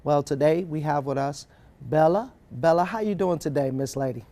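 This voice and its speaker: A man's voice: a little high, moderate pace, warm tone. A man hosting an interview, affirming his guest and often repeating phrases. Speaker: host.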